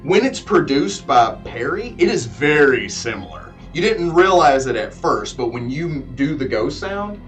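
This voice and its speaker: A man's voice: fairly high pitch, big pitch swings, a little slow, few pauses, a bit bright, soft background music. A man running a tabletop game as game master, giving descriptive narration with some fillers, heard from a distance.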